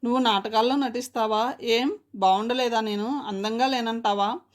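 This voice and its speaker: A woman's voice: on the high side, moderate pace, close to an everyday voice. A woman voicing a haughty, condescending young woman in a read-aloud story. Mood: mocking. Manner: sneering, condescending.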